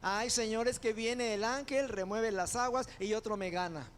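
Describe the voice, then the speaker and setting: A man's voice: high-pitched, moderate pace, clear, resonant tone, long reverb tail, pitched above the performer's own voice, close to an everyday voice. A man doing a pleading sick man. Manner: pleading excuses. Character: sick, pleading man waiting by healing pool.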